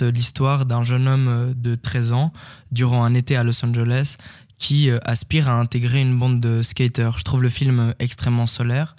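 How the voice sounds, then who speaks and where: A man co-hosting a film podcast in a mid-range voice. He talks in a measured, thoughtful way and pauses often on fillers. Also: medium pitch, darkish tone. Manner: measured, lots of filler hesitations. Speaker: podcast co-host. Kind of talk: casual chat.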